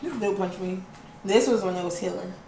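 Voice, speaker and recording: A loud, giggly young woman trades stories with her family at home. Her voice bounces around an echoey room, and there is clear background noise behind her. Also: mid-range voice, a little fast. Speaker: guest, host's sister. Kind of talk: casual family chat.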